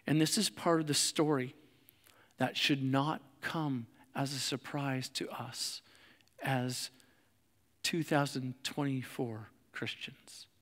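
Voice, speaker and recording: A man preaching a sermon in a conversational way, with fillers and restarts, and slowing softly on reflective lines. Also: medium pitch, big-room sound. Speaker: pastor. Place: church sanctuary.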